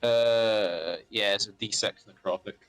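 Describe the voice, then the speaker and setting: A man's voice: fairly low pitch, steady tone, a little slow, a bit bright, smooth, soft background music, rough recording. A man playing a tabletop game, explaining his moves and checking the rules. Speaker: player. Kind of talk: casual tabletop game chat.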